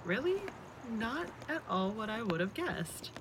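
A woman on a dinner date speaking scripted romantic lines, teasing and quick to laugh. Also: medium pitch, very animated, noisy background.

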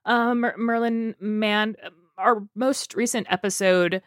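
Slow-talking woman podcast co-host, chatty. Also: medium pitch, fairly even intonation, dry recording, studio quality. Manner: rambling, self-interrupting, laughing easily. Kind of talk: casual podcast sign-off chat.

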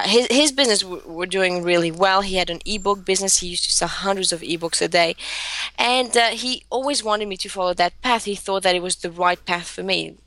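As an interview guest, a social media marketer in her thirties who grew up in Greece chats about her life, often laughing and starting sentences over. Her voice is lowish and fairly bright, recorded with no room sound.

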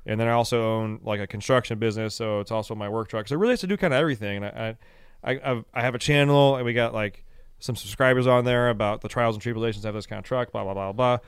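A man hosting a casual podcast, animated and ranting, laughing as he acts out exchanges with people. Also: medium pitch, fast talker, clean tone, no room sound, studio quality. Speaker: podcast host.

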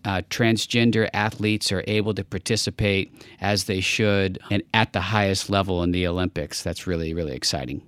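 A man's voice: lowish voice, smooth, dry recording, clean studio sound. A man co-hosting a podcast, chatting casually and earnestly about hopeful news. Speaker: podcast co-host. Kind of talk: casual chat.

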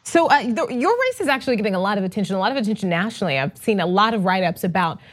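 An upbeat woman hosts a political interview, her pitch moving a lot from line to line. She asks her questions with small hesitant restarts and keeps the talk moving. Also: sing-song, rapid-fire. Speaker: fill-in show host.

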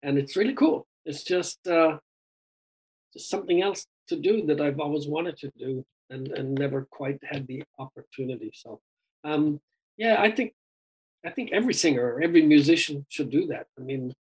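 A man's voice: fairly high pitch, normal speed, a little mellow, husky, rough recording. A man, a singer being interviewed, talking in a chatty, rambling, casual way and often saying "dude". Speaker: guest singer. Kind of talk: casual chat.

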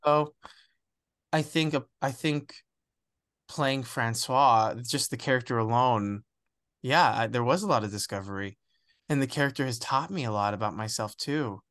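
Young male actor, reflective interview guest, halting and thoughtful, mid-pitched voice. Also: fairly bright tone. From United States. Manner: reflective, searching for words, frequent restarts. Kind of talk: candid conversational interview.

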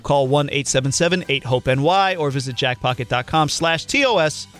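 A man on a radio show reading a scripted sponsor spot with a brisk, fast legal disclaimer. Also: a little high, lively intonation, fairly bright tone, faint music behind. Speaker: radio show producer and co-host.

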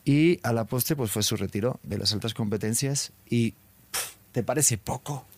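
A man with a Spanish accent hosting a podcast interview, playful and quick to laugh as he reads from his notes. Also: medium pitch, a little mellow, no echo. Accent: Spanish from Spain. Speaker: podcast host. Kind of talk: casual interview chat.

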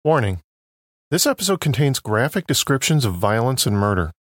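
A man hosting and narrating a scripted true crime story in a measured storytelling manner. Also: medium pitch, big pitch swings, no echo. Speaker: podcast host and narrator. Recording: dry studio with faint music behind.

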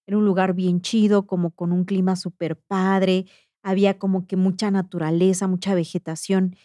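Slangy Mexican podcast host telling a tale. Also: female voice, medium pitch, moderate pace, no echo, clean studio sound. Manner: animated, slangy, acts out quotes. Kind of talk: retelling a guest's ghost story.

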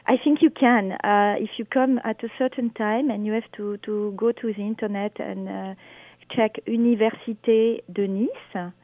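A woman's voice: medium pitch, steady tone, moderate pace, no echo. Woman guide over a clipped phone line. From south of France. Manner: chatty, gives advice with many fillers. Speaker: tour guide. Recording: tinny phone line, dry.

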